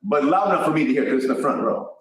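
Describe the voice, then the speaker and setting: A man's voice: on the high side, expressive, very fast. A man with a Chicago accent, a yoga teacher and co-host, telling a rambling story in casual chat and often correcting himself. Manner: rambling, self-correcting anecdote with laughs. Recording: echoey room, voice from a distance.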